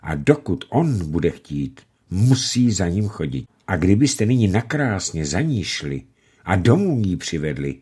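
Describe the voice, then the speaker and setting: A man's voice: low voice, big pitch swings, a little mellow, husky, full character voice. A man reading the part of an older village blacksmith's wife who talks in a knowing, matter-of-fact way.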